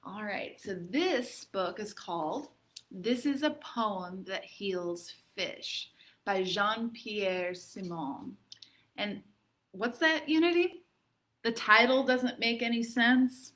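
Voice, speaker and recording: At a library storytime, a woman narrates expressively for children and puts questions to her young listeners along the way. Her voice is mid-range and her pace slow.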